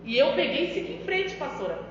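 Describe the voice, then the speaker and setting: A woman's voice: sits high, big pitch swings, quick pace, crowd noise. A woman missionary with a Brazilian accent giving an emphatic testimony in a church, often turning to address the pastor. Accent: Brazilian Portuguese. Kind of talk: testimony preaching. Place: church hall. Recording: echoey church hall, dull sound.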